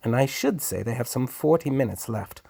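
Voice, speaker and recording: A man voicing a calm, dry-witted spy who answers flatly and unbothered. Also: medium pitch, moderate pace, creaky, breathy edge, no echo, voice pushed up.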